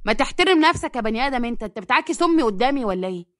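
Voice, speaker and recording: A woman's voice: on the high side, animated, rapid-fire, a bit bright. A woman voicing a curt, upset young man with an Egyptian accent who speaks in clipped lines.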